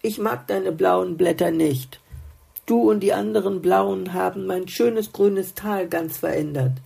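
A woman's voice: on the low side, a little slow, gravelly, dark tone, slightly rough, full character voice. A woman voicing a grumpy, puzzled little male songbird in a storybook, grumbling and doubting. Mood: grumbling, doubtful.

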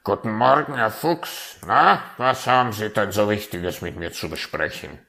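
A man voicing a helpful male raven craftsman in a storybook tale, brisk and croaking. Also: fairly low pitch, bright, forceful tone, pitched above the performer's own voice.

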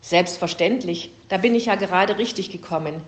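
A woman's voice: fairly low pitch, normal speed, close to an everyday voice. A woman voicing Appreciation, an obliging, kind sister figure in a read-aloud fable. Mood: earnest. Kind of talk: storybook reading. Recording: roomy echo.

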